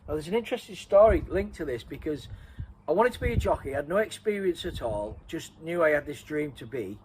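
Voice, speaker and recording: A man's voice: fairly high pitch, animated, a little fast, a little mellow, slight background noise, low-quality recording. Man telling a story. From Redcar, North East England. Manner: rambling, self-correcting, laughs at himself. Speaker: interviewee and co-host. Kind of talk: casual storytelling chat.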